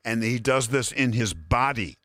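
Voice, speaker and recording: A man preaching a sermon, expounding Bible verses in a deliberate, emphatic way to listeners. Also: medium pitch, expressive, a bit bright, dry recording, clean studio sound. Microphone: broadcast sermon addressing listeners.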